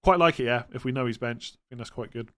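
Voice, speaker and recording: A man with a West Country accent hosts a casual livestream. He speaks informally at an average pitch, reading questions aloud and giving matter-of-fact answers. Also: fast talker, pushed and bright. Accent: West Country English. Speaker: fantasy football livestream host.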